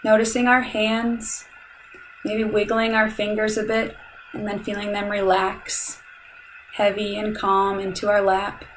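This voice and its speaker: Guiding a meditation, a medium-voiced woman speaks at a very slow pace, giving calm, soothing, measured instructions separated by long pauses. The recording is low quality, with a light layer of background noise.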